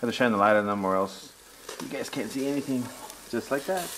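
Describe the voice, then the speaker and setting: A man's voice: medium pitch, a little fast, fairly bright tone, slight background noise. Joking guy vlogging a cold cabin trip. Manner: joking, chatty, talks to viewers. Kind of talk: casual vlog chat. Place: cabin deck and indoors by a fire, in the cold.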